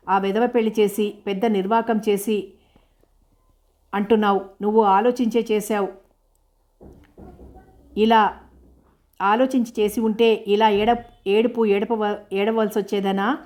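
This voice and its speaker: A woman's voice: medium pitch, level tone, moderate pace, natural voice. A woman reading a novel aloud, voicing a young widowed daughter who angrily confronts her harsh father. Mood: furious. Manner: angry, accusing outburst.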